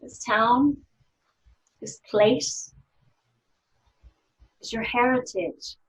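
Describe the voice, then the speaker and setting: Reading a stern, formal law office official's lines at a script table read, a woman on the high side of pitch speaks deliberately, leaving long pauses. She sounds grave and firm, and the recording is rough.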